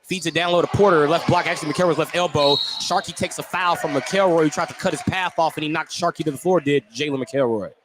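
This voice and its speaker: Talking fast with hardly any pauses, a man with a slightly high voice does live radio commentary on a basketball game. His clipped, running phrases come through a very noisy broadcast from an indoor gym.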